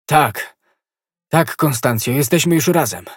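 A man playing an ardent young male musketeer, a desperate lover who exclaims loudly and urgently. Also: a little high, measured pace, breathy edge, dry recording, clean studio sound, voice pushed up.

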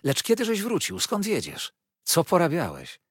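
A man's voice: medium pitch, very animated, moderate pace, fairly bright tone, breathy edge, dry recording, clean studio sound, heavily acted. A man voicing an effusive young male lawyer who gushes and fires off questions, as a storybook reader. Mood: overjoyed. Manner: gushing, breathless, showers questions.

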